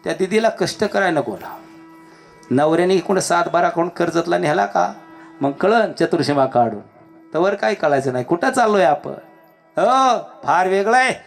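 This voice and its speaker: A man preaching a devotional kirtan sermon, telling a story with animated delivery that swings between loud calls and hushed lines. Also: on the high side, moderate pace, vocal fry, faint music behind. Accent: Marathi. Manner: animated, shifts between shouting and hushed lines, acts out characters.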